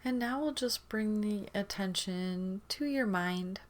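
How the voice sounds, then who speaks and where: Gently and soothingly, a woman at medium pitch talks listeners through a meditation, pausing for a long while between phrases.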